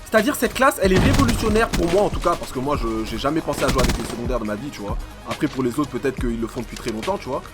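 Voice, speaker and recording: A man giving excitable, slangy live commentary over his own gameplay as a YouTuber, swearing often and talking at his opponents. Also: medium pitch, very fast, hardly any pauses, over loud music. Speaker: gaming YouTuber.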